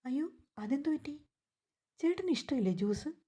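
A woman's voice: high-pitched, expressive, normal speed, dark tone, pitched above the performer's own voice. A woman voicing a pert teenage younger sister who pleads and complains in a family story.

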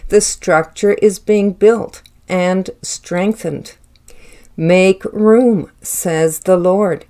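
A woman speaks a prophetic word with a low-pitched voice. Her delivery is slow, measured and solemn, as if every phrase carries weight. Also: a little mellow.

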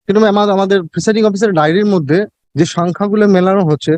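A man with a Bengali Indian accent answering in court as an election officer, deferential and defensive, with halting repeated words. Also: high voice, a little mellow, no echo. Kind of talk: answering questions in a court hearing.

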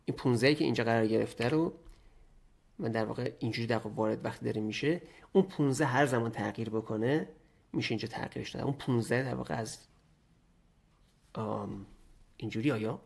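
A man recording a casual screen tutorial, thinking aloud and dictating in slow, halting bits as he types. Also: medium pitch, vocal fry, a little mellow, husky. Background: keyboard typing and mouse clicks.

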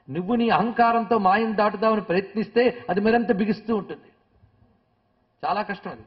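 Man, devotional discourse, high voice, chanted verses with explanation, emphatic, muffled lo-fi broadcast sound. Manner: chants Sanskrit verses slowly, then explains them; emphatic, addresses listeners directly. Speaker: spiritual speaker. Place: hall with a live audience.

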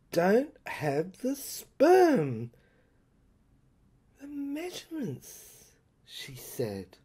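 A medium-pitched, mellow female voice delivers a dramatic monologue in the first person. She speaks in halting short phrases separated by pauses, breathy and husky, sometimes falling almost to a whisper.

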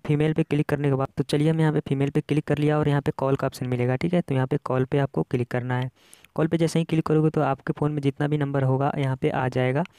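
A man's voice: medium pitch, mellow, clean tone, no room sound. A man with an Indian accent hosting a casual app tutorial, explaining things step by step in a repetitive way. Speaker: tech tutorial host.

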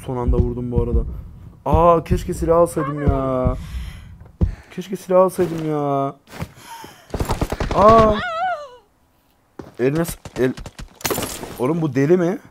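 A man's voice: a little high, slow, pauses often, background noise. A man streaming a mobile game who talks to his viewers in an exasperated way and keeps swearing oaths. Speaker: gaming streamer. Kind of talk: live mobile game commentary. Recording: gameplay gunfire in background.

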